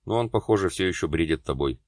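Cold, terse, domineering man, read by a male narrator, very low voice. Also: animated, fast, darkish tone, dry recording, studio quality. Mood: curt. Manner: terse, commanding.

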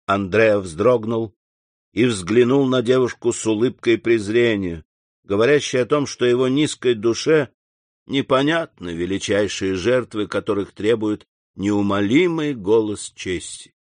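A man reading a classic novel aloud as an audiobook narrator in a measured, expressive way. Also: fairly low pitch, no echo.

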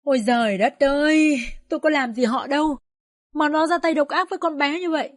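A woman voicing a furious older village woman who shouts and curses shrilly. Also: mid-range voice, expressive, moderate pace, breathy edge, no room sound, clean studio sound. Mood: shrill wailing.

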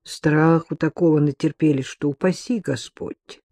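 A man's voice: fairly high pitch, fairly even intonation, measured pace, darkish tone, no room sound. A man voicing a fussy, bossy elderly aunt who scolds and fusses in an audiobook reading. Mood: sympathetic.

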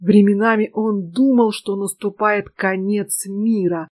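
A woman narrating an audiobook in a measured, steady way. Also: mid-range voice, no room sound. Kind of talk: scripted narration.

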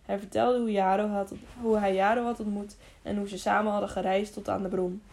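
A woman narrates an audiobook at a steady pace, now and then stumbling and restarting a word. Her voice is mellow and warm, sitting at a medium pitch for a woman. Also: a little fast, creaky. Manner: steady reading with occasional restarts.

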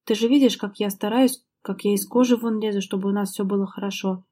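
A woman's voice: medium pitch, fairly even intonation, fairly quick, mellow, husky, natural voice. A woman reading the lines of an angry, jealous young wife, accusing her husband in a raised, reproachful voice in a dramatic audiobook. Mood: pleading.

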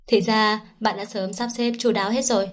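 A woman's voice: mid-range voice, steady tone, fairly quick, close to an everyday voice. A woman reading the lines of a proud young man who speaks in a stiff, clipped way, in an audiobook. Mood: jealous.

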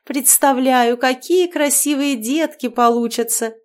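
A woman's voice: high voice, a little slow, darkish tone, voice pushed up. Woman playing a gushing, pushy witch mother-in-law. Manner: effusive and bubbly, steamrolling over others.

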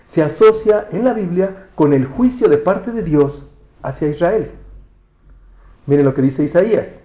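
Preacher with a mellow, echoey voice. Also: male voice, on the high side. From Mexico. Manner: conversational, restarts words, asks rhetorical questions. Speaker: pastor. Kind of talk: sermon.

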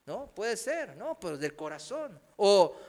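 A man preaching a sermon, moving between loud emphatic passages and soft, quick storytelling with laughter. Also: high-pitched, sing-song. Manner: swings from loud emphatic preaching to soft anecdotes, laughs while telling stories.

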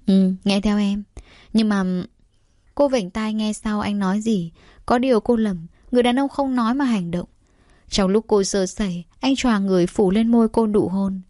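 A woman's voice: medium pitch, normal speed, warm tone, no room sound. Woman reading an audiobook, dry sound. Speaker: narrator. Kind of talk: audiobook narration.

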